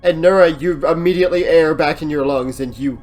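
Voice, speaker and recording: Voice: medium pitch, brisk, a little mellow, faint music behind. A game master narrating a tabletop game, rambling with many restarts and casual swearing.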